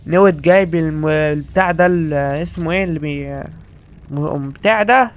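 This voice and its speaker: A man's voice: fairly high pitch, moderate pace. A young man with an Egyptian accent giving joking commentary while playing a horror game, teasing the characters on screen and exclaiming as he goes. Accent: Egyptian Arabic. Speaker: gaming YouTuber.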